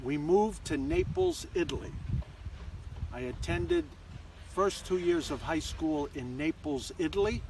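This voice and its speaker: An older man, an interview guest, calmly recounting his childhood in a casual outdoor chat with measured pauses. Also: fairly high pitch. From born in Germany to American parents. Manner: measured storytelling with many pauses and fillers. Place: outdoors in a sunny park by a pond. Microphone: camera mic at a distance. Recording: distant outdoor mic, faint background noise.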